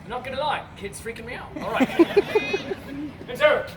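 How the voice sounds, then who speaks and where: A man telling a story to a live festival crowd as a comedy performance, giving his volunteers animated stage directions and shouting now and then. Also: extremely high pitch, moderate pace. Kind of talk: live audience-participation comedy retelling. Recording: far-off echoey outdoor crowd recording.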